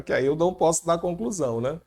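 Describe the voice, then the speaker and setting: A man with a Brazilian Portuguese accent teaching an exam-prep grammar lesson, lively and jokey as he quizzes the class. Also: a little high.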